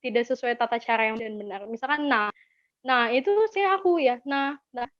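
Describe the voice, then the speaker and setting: In a fairly high voice at a moderate pace, an Indonesian-accented woman runs an informal language webinar, encouraging learners and repeating the words that matter. The lo-fi recording is dull but echo-free.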